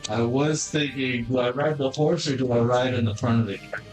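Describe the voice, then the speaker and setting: A man playing in a tabletop game, thinking out loud with hesitant restarts. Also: medium pitch, normal speed, soft background music. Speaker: player. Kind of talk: casual chat at a game table. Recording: echoey room.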